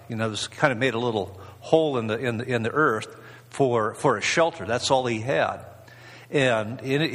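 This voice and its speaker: A man's voice: medium pitch, a bit bright, breathy edge, in a large hall. A man giving an informal sermon in a rambling, conversational way, full of restarts and fillers. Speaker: preacher.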